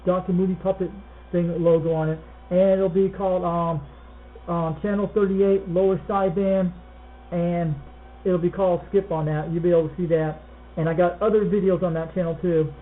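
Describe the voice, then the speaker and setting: High-pitched American man on crackly CB radio. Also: flat delivery, normal speed, phone-quality sound. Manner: repetitive call-outs. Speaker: CB radio operator. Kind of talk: CB radio calls with radio slang. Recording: thin crackly CB radio, faint noise.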